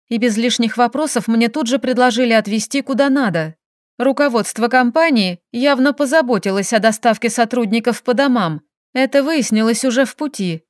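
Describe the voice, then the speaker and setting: A woman narrating a first-person audiobook in a measured, steady storytelling manner. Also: on the high side, no room sound, studio quality.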